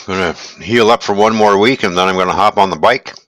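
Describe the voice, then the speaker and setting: Deep-voiced man chatting on a live stream. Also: fairly quick. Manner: relaxed, rambling, greets viewers while eating. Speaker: livestream host. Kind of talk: casual live-stream chat.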